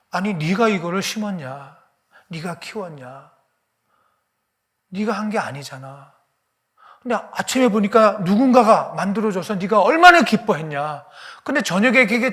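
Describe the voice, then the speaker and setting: God, loving fatherly figure, pleading and intense, voiced by a male preacher; high, ringing voice. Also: full character voice. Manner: impassioned, rising to loud cries, then falling to a hushed whisper. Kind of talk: sermon with dramatized dialogue.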